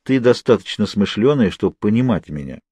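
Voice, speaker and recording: A man's voice: on the low side, expressive, brisk, warm tone, slightly rough, no room sound. A man doing a smug, menacing captor. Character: well-read male captor, cold and smugly menacing.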